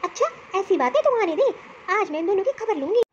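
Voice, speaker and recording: A woman's voice: very high-pitched, big pitch swings, fairly quick, darkish tone, lo-fi sound, a little hiss or hum. A woman voicing a strict, bossy older mother-in-law in a cartoon story, scolding and commanding.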